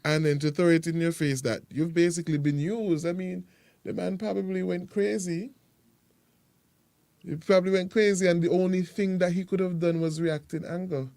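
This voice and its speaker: A man co-hosting a casual talk show, reasoning through his points in a measured, conversational way. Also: high-pitched, steady tone, darkish tone, dry recording. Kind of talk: casual panel chat.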